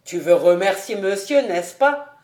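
A woman voicing a serious middle-aged male tax collector who speaks loudly and emphatically, lecturing. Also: medium pitch, expressive, unhurried, lightly acted. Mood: grave, lecturing.

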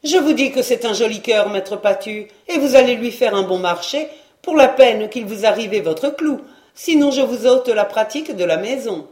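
A woman's voice: a little high, normal speed, lightly acted. A woman voicing a cheeky, bold young chambermaid who teases and bosses, with a roomy echo. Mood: enthusiastic. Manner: lively, bossy, teasing.

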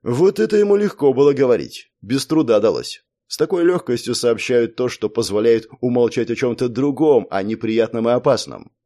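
A man reads a crime novel aloud in a steady, measured way. His voice sits at a middle pitch with a dark, mellow tone, unhurried and even throughout the narration. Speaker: audiobook narrator. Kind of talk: scripted narration.

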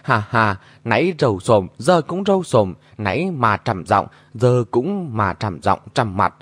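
A man plays a boisterous, jeering martial-arts fighter from a storybook. His voice swings up and down lively as he mocks and laughs, loud and unbothered. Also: medium pitch, measured pace, no echo. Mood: jeering amused.

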